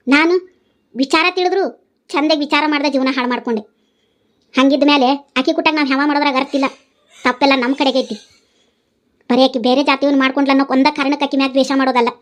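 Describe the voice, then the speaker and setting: A woman's voice: sits high, lightly acted. A woman voicing a pregnant young wife in a cartoon, defending herself to her mother in a North Karnataka Kannada accent. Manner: defensive, pleading, explaining.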